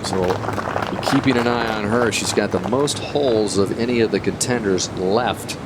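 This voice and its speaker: Golf commentator: man, lower register, live tournament call, noticeable rumble behind. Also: moderate pace. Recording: steady outdoor rumble behind voice.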